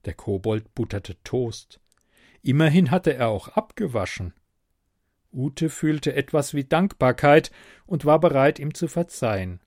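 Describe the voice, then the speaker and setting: A man reads a story aloud slowly and expressively, his pitch rising and falling with the words. The recording is dry and close, with no room around it. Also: no echo. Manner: slow, expressive reading.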